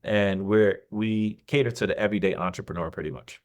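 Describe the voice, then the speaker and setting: Low-voiced man telling his story. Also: a little fast. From Nigeria. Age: 30s. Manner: relaxed, rambling, restarts and laughs easily. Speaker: podcast guest, business founder. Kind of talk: casual interview storytelling.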